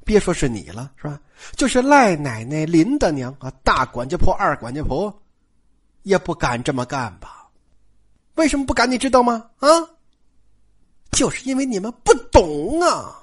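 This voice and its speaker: A storyteller voicing a composed young maid who speaks in a low, resigned way. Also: big pitch swings, moderate pace, husky. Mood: stern. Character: calm young maid, weary and dismissive.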